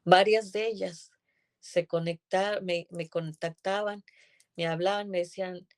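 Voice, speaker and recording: A woman's voice: on the low side, fairly even intonation, a little slow. A woman giving an earnest, emotional religious testimony as a guest in conversation.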